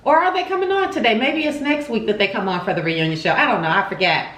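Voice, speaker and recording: Bright, high-voiced woman chatting over food. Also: quick pace. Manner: chatty, expressive, repeats words for emphasis; chewing and eating while talking. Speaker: vlog host. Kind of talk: casual mukbang chat. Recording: roomy, echoey home recording.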